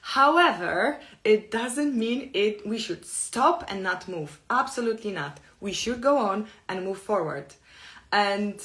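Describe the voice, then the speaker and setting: A middle-aged woman, Polish by birth and native tongue, offers a personal self-help talk in English with a Polish accent. Her mid-range voice is expressive and fairly bright, and she proceeds earnestly and openly, phrase by slow, careful phrase.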